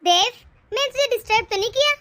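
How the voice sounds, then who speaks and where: A woman's voice: very high voice, lively intonation, fast, pushed and bright, exaggerated voice. A woman voicing a scheming, bossy sister-in-law in a cartoon, taunting and sly. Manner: taunting, sly, self-pitying. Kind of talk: cartoon voice acting.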